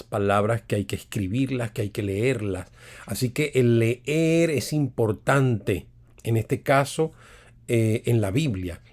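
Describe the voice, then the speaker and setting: A man's voice: medium pitch, darkish tone. A man teaching an online Bible course, explaining step by step and repeating words for emphasis.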